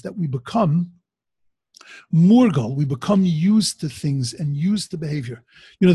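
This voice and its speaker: Male rabbi, informal religious lecture, gravelly fry, halting rephrasing, rhetorical questions, close dry sound. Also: a little high, dark tone, dry recording. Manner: conversational teacher, asks and answers rhetorical questions; halting, repeats phrases as he rephrases. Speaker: rabbi giving a religious talk.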